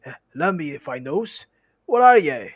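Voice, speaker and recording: A man doing a big booming drunk troll. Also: sing-song, moderate pace, breathy edge, no room sound, studio quality. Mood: gruff. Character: huge drunk male troll, slow and soft-hearted.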